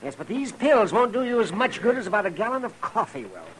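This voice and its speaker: A crusty, skeptical frontier doctor for a classic radio western. The voice sits a little high and swings expressively. Clear hiss covers the old recording. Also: male voice, big pitch swings, quick pace. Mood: fussy.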